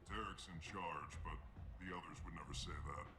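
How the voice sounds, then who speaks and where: An actor playing a gruff, jaded mercenary recruiter in a video game, curt, dismissive and businesslike. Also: male voice, low voice, fairly even intonation, normal speed, roomy sound, noisy background, natural voice. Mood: jaded, matter-of-fact. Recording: loud music behind.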